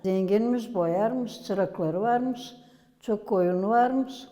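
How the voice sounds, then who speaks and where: Gagauz woman, halting museum guide. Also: mid-range voice, dark tone, in a large hall. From Gagauzia, Moldova. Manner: unhurried, halting, many pauses. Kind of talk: interview, explaining village history.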